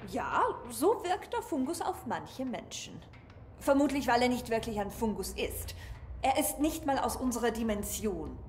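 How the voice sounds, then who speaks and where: A woman's voice: fairly high pitch, big pitch swings, moderate pace, a little mellow, slight background noise. An actress playing a curt, pedantic female scientist in a video game, explaining things in a matter-of-fact, clinical way. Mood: clinical, explanatory. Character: brusque, clinical female scientist in a hazmat suit. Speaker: scientist character. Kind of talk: dubbed video game dialogue.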